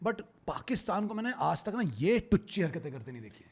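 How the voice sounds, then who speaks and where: Animated high-voiced male podcast host. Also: brisk, slightly rough. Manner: animated, laughing storyteller. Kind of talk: casual chat.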